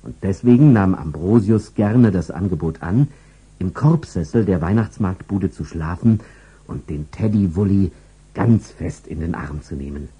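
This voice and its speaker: Husky, lively male storybook narrator. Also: low voice, a little slow. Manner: lively, expressive children's storytelling.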